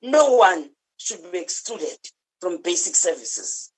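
A woman's voice: fairly low pitch, big pitch swings, slow, husky. A South African woman reading a formal political speech in parliament in an earnest, declarative way. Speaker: member of parliament giving a speech.

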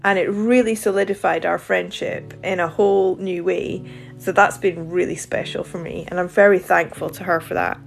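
Low-voiced woman sharing stories with humour. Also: steady tone, moderate pace, vocal fry, soft background music. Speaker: interviewee. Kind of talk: reflective conversation.

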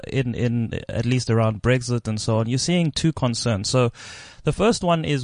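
A man's voice: mid-range voice, darkish tone, no room sound. A man from South Africa hosting a studio interview, asking probing questions with frequent restarts. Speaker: host. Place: radio studio.

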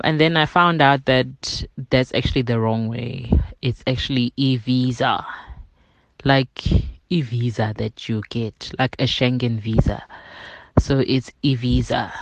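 A woman's voice: very deep voice, no room sound. A young adult woman, a podcast guest chatting playfully and laughing easily. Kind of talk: casual conversation.

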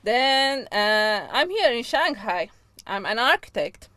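A woman from Iran whose first language is Persian, a guest in casual chat, speaking halting second-language English and laughing often. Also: a little high, very animated, bright, forceful tone, no room sound.

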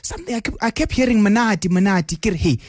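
A man's voice: high voice, very fast, dry recording, clean studio sound. A male radio host interviewing a guest in a chatty, enthusiastic way.

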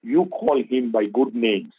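A man's voice: medium pitch, unhurried, slightly rough, no echo, narrow, tinny audio. A man giving religious advice on a radio talk show, preaching and repeating key phrases for emphasis. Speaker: Islamic scholar on radio.

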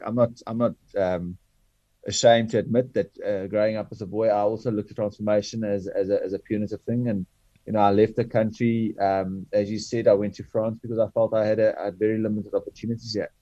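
Male interview guest, native Afrikaans speaker with Afrikaans South African accent; dark, relaxed tone, close dry sound, earnest, hesitant delivery. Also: lowish voice, brisk, no echo, lo-fi sound. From Bloemfontein, South Africa. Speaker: guest, sports franchise chief executive. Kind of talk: reflective interview talk.

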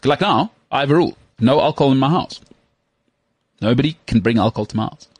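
A man's voice: mid-range voice, animated, fast, breathy edge, no echo. A man in his thirties hosting a casual chat, rambling and self-mocking with lots of restarts. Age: 30s. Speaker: podcast host.

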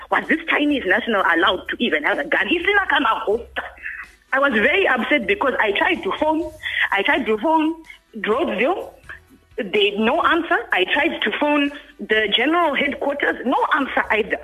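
A woman's voice: fairly high pitch, pushed and bright, husky. A woman calling in to a radio show, talking in an indignant, insistent way and often repeating words. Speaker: caller. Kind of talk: call-in radio question. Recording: phone line with faint music.

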